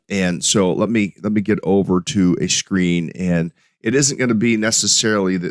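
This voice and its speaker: A middle-aged man with a very low, deep voice talks through a casual solo podcast. His delivery is halting and full of restarts and fillers, recorded close and dry with no room sound. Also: dry recording. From United States. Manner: hesitant, many restarts and fillers. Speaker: podcast host.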